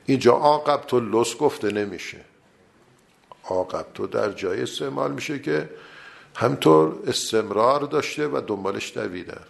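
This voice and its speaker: A man with a gravelly, creaky voice teaching a lesson on Quran commentary. He explains patiently, circling back through example after example, and lets his phrases drop to a low mutter. His pitch sits in an ordinary middle range. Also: lively intonation. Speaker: religious teacher.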